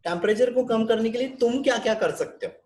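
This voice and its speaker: A man's voice: very high voice, fast talker, darkish tone. A man with an Indian accent teaching a nursing class over a video call, often checking with his students and mixing in English terms. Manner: switches between Hindi and English. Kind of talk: online class lecture.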